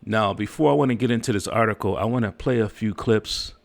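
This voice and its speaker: A man's voice: fairly low pitch, brisk, gravelly. A man giving informal preaching commentary, emphatic and repeating his phrases. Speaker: host, religious commentator.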